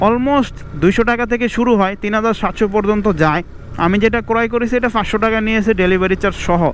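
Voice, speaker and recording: Fast-talking young Bangladeshi man outdoors. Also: high-pitched, fairly even intonation, a bit bright, slight background noise. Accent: Bangladeshi Bengali. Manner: fast chatty talk with English words mixed in. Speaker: motovlogger. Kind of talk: casual outdoor moto vlog. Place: outdoors by a roadside.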